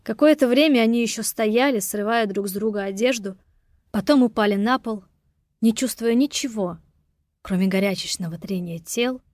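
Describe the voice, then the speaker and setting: A woman narrating an audiobook in a steady, expressive reading. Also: fairly high pitch, moderate pace, no room sound. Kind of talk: scripted narration.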